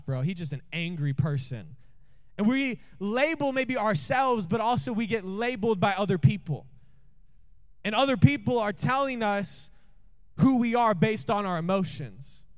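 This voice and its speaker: A man with a rather high voice preaches in a church, telling a personal story. His delivery is jokey and conversational, and he keeps throwing questions out to the congregation. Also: smooth. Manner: jokey, asks the room questions often.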